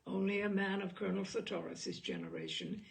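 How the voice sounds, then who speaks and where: A woman reads a short literary story aloud like a storyteller, shaping each clause with deliberate drama. Her heavily creaked, gravelly voice roams freely up and down in pitch, and she leaves expressive pauses as she reads.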